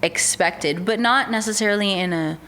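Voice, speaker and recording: A young American woman speaks at a medium pitch and moderate pace, with slight background noise behind her. She's a podcast guest who works as an artist manager, chatting in a relaxed, casual interview style full of "um" and "like."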